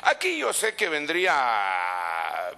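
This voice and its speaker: A middle-aged male pastor with a Guatemalan accent, preaching in an impassioned, conversational way that swings from loud exhortation to hushed asides. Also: medium pitch, huge pitch swings, slow, slight background noise. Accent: Guatemalan Spanish. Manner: conversational, addressing listeners as brother. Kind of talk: preaching sermon.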